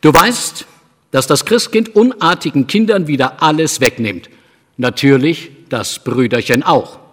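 A man reading a story aloud and voicing a stern father who speaks in a grave, measured way. The recording has a long hall echo. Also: medium pitch, animated, fairly bright tone, husky, full character voice. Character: stern, calm father of the house.

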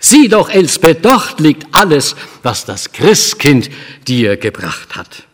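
A man reading a story aloud and voicing a gentle, firm mother with a coaxing manner. The recording has a long hall echo. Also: fairly high pitch, big pitch swings, takes it slowly, pitched above the performer's own voice, heavily acted.

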